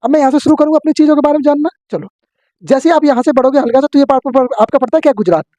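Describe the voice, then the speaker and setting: A man teaching an exam-prep geography lesson, drilling his students with quick questions and answers. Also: extremely high pitch, dark tone, no echo.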